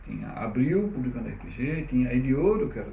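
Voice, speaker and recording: A middle-aged publisher tells stories as an interviewee in a fast, very animated, gravelly, medium-pitched voice with phone-quality sound. His relaxed conversational talk is chatty and loose, full of restarts and frequent tagged-on "né?" questions. The mic sits well away from him in an echoing room, with a light hiss behind.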